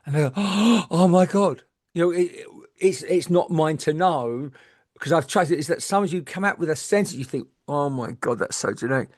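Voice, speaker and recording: A middle-aged woman, a medium, telling candid stories in lively chat, swearing freely and acting out the people she quotes. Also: low voice, a little fast. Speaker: guest medium.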